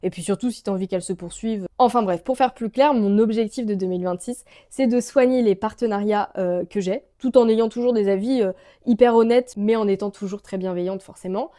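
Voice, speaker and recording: A young French-accented woman chats casually to camera, gushing and filling her sentences with hesitations. Her voice is warm and mellow, at an ordinary pitch for a woman. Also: brisk. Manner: chatty and gushing, many fillers. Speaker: book vlogger.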